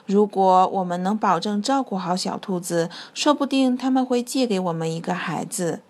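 A woman voicing a kind, cheerful father rabbit in a children's story, gentle and joking. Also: mid-range voice, normal speed, lightly acted. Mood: comforting.

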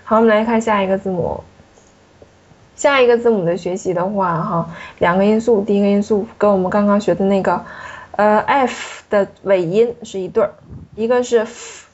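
In a classroom, a woman teaches French pronunciation, patiently working through each sound and repeatedly questioning her student. Her mid-range voice is a little husky, breathy, and mellow, at a moderate pace, on a dull, lo-fi recording.

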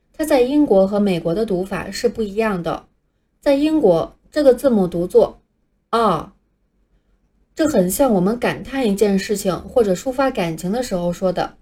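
A woman's voice: mid-range voice, dark tone. Patient woman teaching English letters. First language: Chinese. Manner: patient, clear, modeling pronunciation for learners to repeat. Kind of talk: scripted teaching narration.

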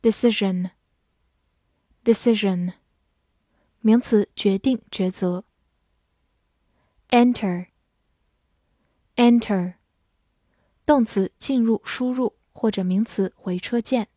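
A woman teaching English vocabulary to learners, saying each English word slowly twice and then reading its meanings. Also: mid-range voice, mellow, no echo, studio quality. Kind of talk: vocabulary lesson.

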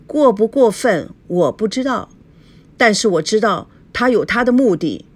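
A wronged young bride from a rich family answers in an aggrieved, defensive voice with a lively pitch, as a woman reads her lines. She sounds stung and put upon in this spoken story. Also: normal speed, slightly rough.

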